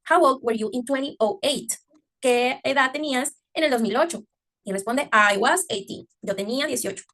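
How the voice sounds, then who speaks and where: A woman teacher explaining English grammar in Spanish, often checking understanding with a quick "ok?" and slowing down to stress English words. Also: high voice, a bit bright. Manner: slows down to exaggerate English pronunciation. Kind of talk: online English class taught in Spanish.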